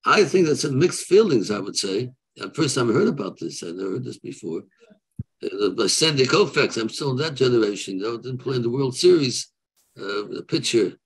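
An elderly man with a creaky, gravelly voice speaks as a rabbi in an unscripted religious discussion. His delivery is husky and halting, often circling back to rephrase as he weighs things up. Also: mid-range voice, lively intonation, rough recording. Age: 70s. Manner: halting, repeats and rephrases, weighing both sides. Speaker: rabbi answering questions. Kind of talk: unscripted religious question-and-answer. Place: room, seated on a video call. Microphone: video call microphone.

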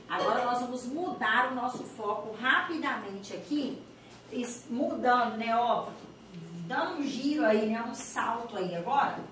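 A woman from Brazil teaching Portuguese grammar in an online exam-prep lesson, lively and chatty, asking the viewer questions. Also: on the high side, far from the mic, a little hiss or hum. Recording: echoey room, voice a bit off mic.

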